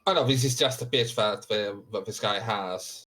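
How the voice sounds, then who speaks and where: A man narrating a tabletop game as game master, improvising haltingly and searching for words. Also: lowish voice, pushed and bright.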